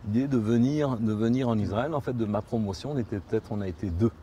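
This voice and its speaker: A man who grew up speaking Spanish reflects in a documentary interview, his speech thoughtful and halting, with frequent repetitions and rephrasings as he gropes for words. The voice is warm and on the low side. There's slight background noise.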